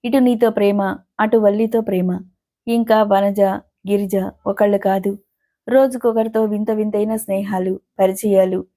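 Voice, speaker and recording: A man's voice: high-pitched, fairly even intonation, a little slow, mellow. A woman voicing a jealous, angry young man who scolds and sneers, in a storybook reading. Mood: bitter. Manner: bitter, accusing, sneering.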